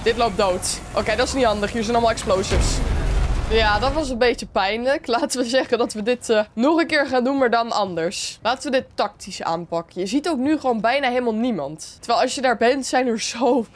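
A young Dutch woman with a fairly high voice talks her way through a video game, chatty and quick to get excited. She keeps addressing her viewers as she plays. A faint hiss sits under her voice. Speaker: gaming streamer. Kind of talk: let's play commentary.

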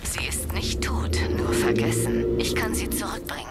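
A woman playing a sultry, solemn and commanding plant villainess in a video game, with drawn-out dramatic delivery. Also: low voice, wildly swooping pitch, creaky, heavily acted. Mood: solemn, mystical. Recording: loud game music over the voice.

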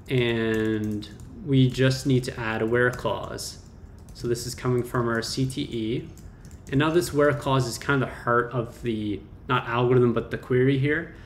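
This is a relaxed coding walkthrough shared on screen by a young adult tutor whose voice sits in the mid range. He works the problem aloud while typing, dropping fillers and correcting himself as he goes, in a small room with roomy echo and quiet keyboard noise.

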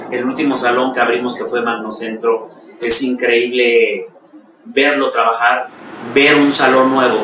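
A man in his fifties, a salon owner, talking reflectively in a seated interview, often repeating himself as he thinks aloud. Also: medium pitch. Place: indoor studio with bookshelves. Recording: echoey room, distant mic, noisy.

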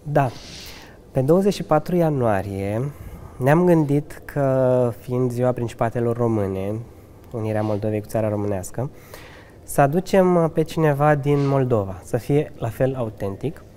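With a dark, mid-range voice and a little hiss or hum on the recording, a restaurant manager from Romania, in his thirties, is interviewed conversationally in a lounge with a fireplace. He is eager and earnest, occasionally laughing and restarting, speaking into a handheld mic held by the interviewer.

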